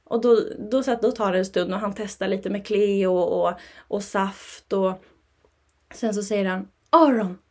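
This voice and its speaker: A young woman talking casually as a parent, telling stories with lively, animated delivery. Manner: animated storytelling, jumps high when quoting. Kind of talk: casual podcast chat.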